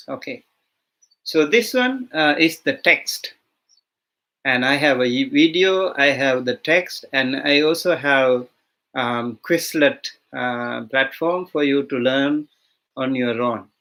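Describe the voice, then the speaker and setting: Speaking with a Sri Lankan accent, a male monk from Sri Lanka leads a beginners' language class over the internet. He takes his time, often restarting and using fillers, yet his medium-pitched voice is animated, pushed, and bright.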